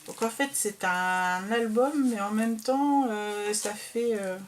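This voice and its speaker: Slow-talking woman showing crafts. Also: medium pitch, a little hiss or hum. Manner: slow, hesitant, filled with "euh". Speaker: craft vlogger showing a received album. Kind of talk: casual show-and-tell.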